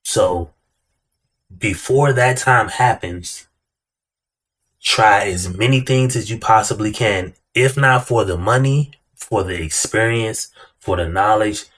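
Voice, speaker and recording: A man hosts a reaction video in a fairly low voice. He talks casually and bluntly, full of slang, and drives his points home by repeating phrases. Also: slow pace, a bit bright, husky. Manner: blunt, repetitive emphasis.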